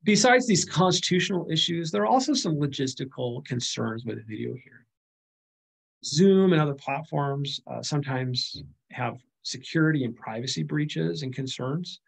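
A man's voice: on the high side, expressive, normal speed, creaky, slightly rough, poor audio. A middle-aged man giving a recorded slide lecture on legal studies, speaking conversationally with frequent fillers and restarts.

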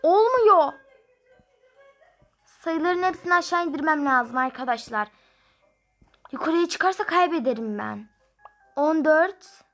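A woman's voice: high-pitched, expressive, moderate pace, pauses often, fairly bright tone, faint music behind. A young woman playing a mobile number game, commenting casually and grumbling in frustration as she counts numbers aloud.

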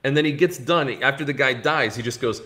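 A man hosting a casual podcast, telling stories in an animated way and acting out the scenes he describes. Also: mid-range voice, brisk. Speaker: podcast host. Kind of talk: casual movie-talk podcast chat.

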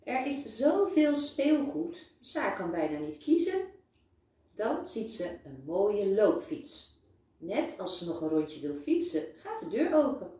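A kindergarten teacher, a woman, reads a children's story aloud with a slow, lively rise and fall in her voice. Her tone is mellow and soft. The recording is distant, in a room with a strong echo. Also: mid-range voice. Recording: very echoey room, voice far from mic.

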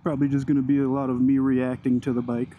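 A man's voice: mid-range voice, little pitch movement, fast talker, narrow, tinny audio. A man giving casual, enthusiastic first-impression commentary as a motovlogger, his voice enclosed inside a helmet with the mic close to his mouth. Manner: laid-back enthusiastic, talking to himself and viewers while riding. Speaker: motorcycle vlogger. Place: inside a helmet on a moving motorcycle, outdoors. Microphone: helmet mic right in front of the mouth. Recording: wind and engine noise in helmet. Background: motorcycle engine, wind noise.

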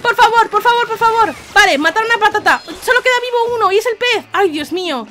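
A young woman from Spain talks through an online match with a bright, high voice that swings widely as she reacts. She has a Spanish accent and an excitable manner. She laughs often and shouts quick warnings to her teammates. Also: slight background noise. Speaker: gaming YouTuber. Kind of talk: live gameplay commentary.

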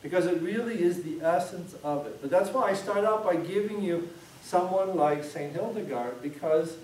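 A middle-aged priest gives an informal lecture, his voice sitting a little high for a man. He talks in a loose, discursive way, circling back and restarting his thoughts. The sound comes from a camera at the back of an echoey classroom. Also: moderate pace, a little mellow, slight background noise. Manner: conversational, discursive, many restarts. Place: church hall classroom. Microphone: far camera. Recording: echoey room from far off.

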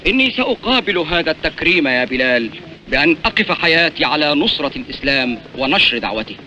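A man's voice: fairly high pitch, sing-song, quick pace, sharp tone, full character voice. A man acting a resolute, devout warrior in a classical Arabic film epic, firm and declamatory, on a noisy old soundtrack. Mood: humble resolve.

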